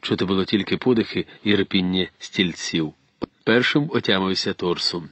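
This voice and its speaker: Male narrator reading a detective audiobook, steady, fairly low voice, dry close sound, no room echo, even storytelling delivery, unhurried. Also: highs cut off. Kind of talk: scripted narration.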